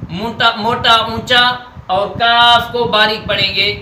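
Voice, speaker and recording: A man with a Pakistani Urdu accent teaching Quran letter pronunciation, drilling letters slowly and deliberately. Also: very high-pitched, fairly even intonation, pushed and bright. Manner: slow, deliberate letter drills with stretched sounds. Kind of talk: Noorani Qaida pronunciation lesson. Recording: echoey room with faint noise.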